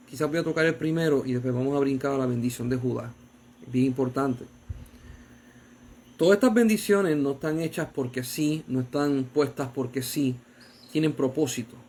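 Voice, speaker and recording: A man preaching a sermon as an evangelist, fervent, dropping to low murmurs and rising to loud exclamations, asking his listeners direct questions.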